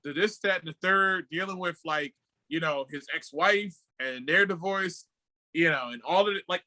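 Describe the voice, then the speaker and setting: A man co-hosting a casual podcast over a video call, telling stories in an animated, slangy way with plenty of swearing. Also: sits high, dry recording, poor audio. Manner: animated, slangy storyteller who swears freely. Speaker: podcast co-host.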